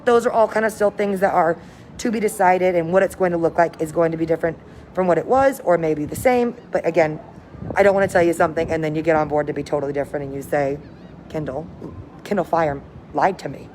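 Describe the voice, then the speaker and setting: Woman, upbeat cruise director, enthusiastic, casual livestream chat, lowish pitch, noisy ambient recording. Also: quick pace, a little mellow. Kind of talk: casual livestream update to viewers. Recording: noticeable background noise, windy ambience.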